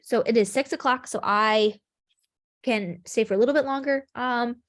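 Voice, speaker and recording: Over a video call, a young woman runs a chemistry review session, sounding sniffly and congested. She explains in a friendly way with lots of ums, her voice a little high and moderately paced.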